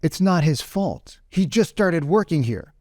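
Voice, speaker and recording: Brief: man acting out a big, loud shop owner, high-pitched and pushy, leaning on "bro" over and over. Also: expressive, measured pace, no echo, studio quality. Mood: loud, pleading. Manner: loud, repeats "bro", pleading.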